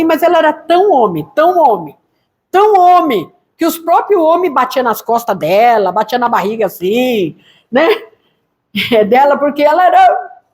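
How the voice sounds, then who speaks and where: A woman missionary pastor with a Brazilian Portuguese accent, telling her church testimony in a lively way and acting out voices. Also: high-pitched. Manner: lively storytelling, acts out quoted voices.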